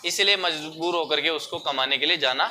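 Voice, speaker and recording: A young man gives a Hindi lesson to schoolchildren in a classroom, patiently explaining, calling the pupils "beta," and mixing in English words. His voice is a little high and a little fast, and the recording is very noisy.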